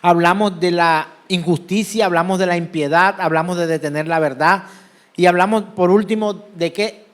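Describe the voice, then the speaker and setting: A man's voice: sits high, steady tone, moderate pace, a bit bright. A man with a Colombian Caribbean accent preaching a sermon as pastor, asking the congregation questions and answering them himself. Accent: Colombian Caribbean Spanish.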